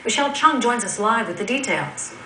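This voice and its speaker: A woman's voice: on the high side, animated, fairly quick, bright, forceful tone, reverberant, distant mic, slight background noise, poor audio. A woman anchoring a newscast, reading a scripted introduction to a report. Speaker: news anchor.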